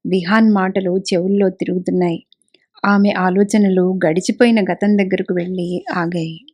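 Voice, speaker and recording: A woman narrating a story in a calm, measured way. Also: mid-range voice, dry recording. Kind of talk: audiobook narration.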